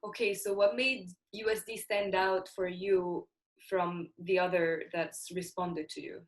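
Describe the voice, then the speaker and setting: A woman's voice: fairly low pitch, steady tone, measured pace. A woman hosting an interview show, introducing her guest and asking upbeat questions. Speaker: podcast host.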